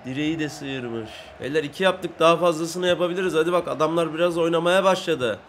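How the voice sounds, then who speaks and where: A young man with a high-pitched voice talks his way through a football video game as he plays it. He boasts about his own moves, complains when teammates don't pass to him, and breaks into shouts and sing-song chants at goals. Faint background noise sits under the recording. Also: quick pace. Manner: brags and grumbles at teammates. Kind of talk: live gameplay commentary.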